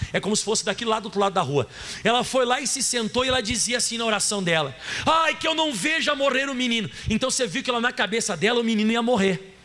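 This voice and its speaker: High bright-voiced Brazilian preacher. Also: male voice. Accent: Brazilian Portuguese. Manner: preaching with dramatic rises and drops, acting out God's voice. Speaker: pastor. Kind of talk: sermon.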